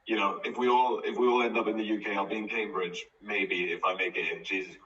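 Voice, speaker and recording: A man's voice: fairly low pitch, steady tone, fast talker, fairly bright tone. A teenage boy co-hosting a casual chat, teasing and laughing often. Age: late teens. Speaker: co-host. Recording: roomy, distant, dull sound.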